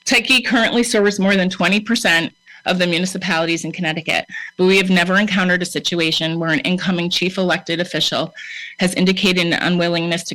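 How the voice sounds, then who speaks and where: A town board official reading a formal letter aloud at a town meeting in a steady, formal way, with a few small stumbles. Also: medium pitch, poor audio. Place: town hall meeting room.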